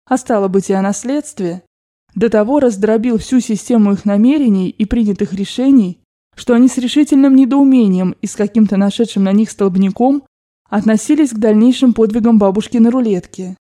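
Audiobook narrator: adult woman, soft dark timbre, steady literary reading. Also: on the high side, a little fast. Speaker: audiobook reader.

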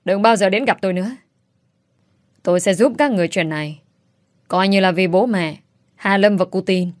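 A woman voicing a bitter young woman who accuses her relatives in quick, sharp outbursts, in an audiobook. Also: medium pitch, no room sound, studio quality, natural voice. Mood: bitter, accusing. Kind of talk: audiobook character voice.

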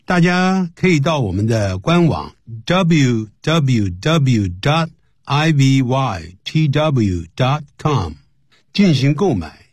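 Slow, lively-voiced male radio English teacher. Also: medium pitch, slightly rough, no room sound. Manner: explains slowly, reads English sentences for listeners to repeat. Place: radio studio.

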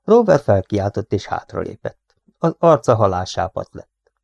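Mély, recsegő hangú férfi felolvasó. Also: male voice, on the low side, sing-song, vocal fry, a little mellow, no echo, dull audio. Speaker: audiobook narrator. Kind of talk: audiobook reading.

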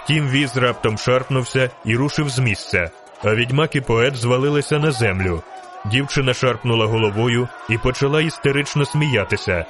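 A man reading a fantasy novel aloud in steady storytelling narration. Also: mid-range voice, normal speed, background noise. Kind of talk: audiobook narration.

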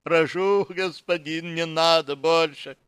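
A man's voice: fairly high pitch, steady tone, slow, fairly bright tone, clear, resonant tone, no room sound, voice pushed up. A man voicing a young female demoness who pleads breathily and trembles, read as an audiobook. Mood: pleading breathless.

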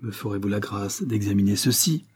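A man's voice: fairly low pitch, a little fast, a little mellow, husky. A man reading a novel aloud and voicing a stiff, huffy, bewildered English lord. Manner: huffy and indignant.

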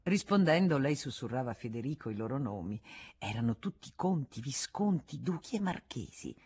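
A woman reading a classic novel aloud in a measured, expressive way. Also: sits low, husky. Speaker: audiobook reader. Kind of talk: literary audiobook narration.

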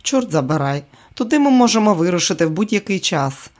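A man's voice: sits high, big pitch swings, brisk. A male audiobook reader voicing a tired, wry aging comedian speaking to his wife. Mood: weary. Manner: weary, wry. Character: tired aging man, famous comedian, joking husband. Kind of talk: audiobook character reading.

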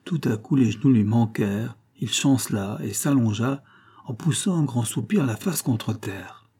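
A man reading an audiobook aloud in a measured, expressive narrating style. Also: medium pitch, breathy edge.

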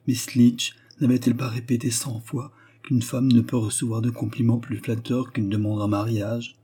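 Male audiobook narrator, measured delivery, mellow breathy tone. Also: mid-range voice, little pitch movement. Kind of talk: scripted narration of a novel.

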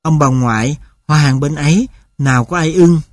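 A man narrates a novel in a steady, measured audiobook reading. His voice sits somewhat high for a man. The sound is close and dry, with no room echo.

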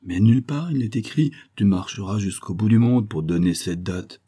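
A sly old preacher, calm and unhurried, with a low husky voice, as a narrator puts him on. His tone stays warm and mellow even when he is pressed. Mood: musing. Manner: calm, sly, sometimes sighing. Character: crafty, mild old male Turkish preacher.

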